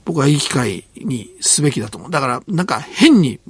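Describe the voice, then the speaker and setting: A man's voice: mid-range voice, very animated, a little fast, slightly rough. An older man hosting a radio talk show, giving emphatic commentary in bursts with many tag particles. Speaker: radio host.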